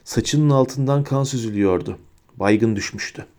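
A man narrating a story aloud in a steady reading voice. His tone is dark and mellow, with a middle pitch. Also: moderate pace. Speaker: audiobook narrator. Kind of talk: scripted narration.

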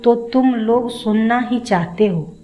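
A woman's voice: fairly high pitch, takes it slowly, mellow, soft background music, rough recording. A woman voicing a boastful one-legged former soldier who brags about his bravery. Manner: bragging, storytelling.

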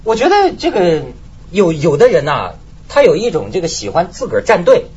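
A man's voice: high voice, wildly swooping pitch, fairly quick, a little mellow, slightly rough. A man hosting a talk show in casual chat, telling stories animatedly and laughing often. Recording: slightly muffled broadcast audio.

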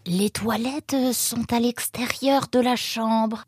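Une femme qui prête sa voix à une grande renarde maigre, servante timide qui bégaie et parle presque sans voix. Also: female voice, a little high, steady tone, takes it slowly, husky, no room sound, studio quality, voice pushed up. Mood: timid. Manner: hesitant, stammering, almost inaudible. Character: tall thin timid vixen servant.

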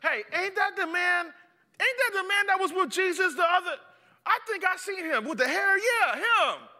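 A man preaching who puts on a gossipy bystander, pointing out a stranger in a very high, squeaky voice. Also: lively intonation, normal speed, pushed and bright, long reverb tail, heavily acted. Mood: accusing.

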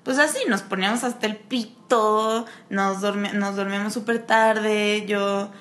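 A woman's voice: medium pitch, fairly even intonation, measured pace, fairly bright tone. A young woman with a Mexican accent, co-hosting and telling candid personal stories in casual chat. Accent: Mexican Spanish. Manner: candid storyteller, acts out quotes. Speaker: podcast co-host.

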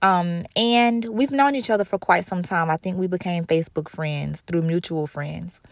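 A woman's voice: fairly low pitch, moderate pace, no room sound, studio quality. A woman in her thirties hosting her own talk show, speaking candidly and emphatically, often repeating phrases for stress. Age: 30s. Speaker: show host. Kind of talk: casual monologue.

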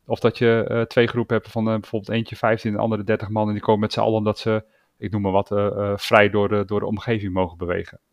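A man's voice: on the low side, flat delivery, fast talker, vocal fry, no room sound, clean studio sound. A man with a Dutch accent co-hosting a podcast, speaking hesitantly with frequent restarts and filler sounds. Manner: hesitant, restarts often, agreeable. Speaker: podcast co-host. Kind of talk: casual podcast discussion.

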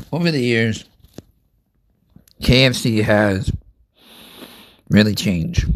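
A young man rambling casually through a food review vlog, chatting and eating as he talks. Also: on the low side. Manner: rambling, chatty, eats while talking. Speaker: vlogger.

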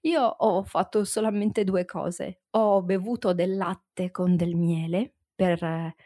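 A woman teaching a language lesson, her voice still slightly hoarse from the flu, talking slowly and repeating words for learners. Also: lowish voice, fairly even intonation, warm tone, no echo, clean studio sound. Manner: slow and deliberate, repeats and conjugates words for learners. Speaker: language teacher and podcast host.

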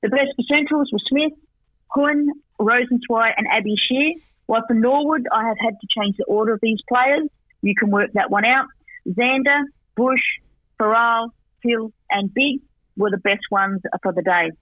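Male guest analyst, talkative, stats-heavy, high voice down a phone line. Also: normal speed, no room sound. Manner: chatty, rattles off stats with asides. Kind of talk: radio sports recap and tips by phone. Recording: tinny dry phone line.

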